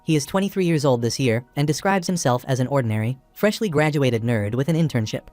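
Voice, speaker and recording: A man narrating a comic recap in a steady, even storytelling voice. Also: medium pitch, fast. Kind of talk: scripted narration. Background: background music.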